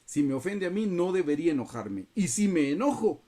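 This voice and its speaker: Male Bible teacher, slightly high, mellow tone, earnest preaching over video call. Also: very animated, a little fast. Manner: earnest, repeatedly addresses listeners as brothers.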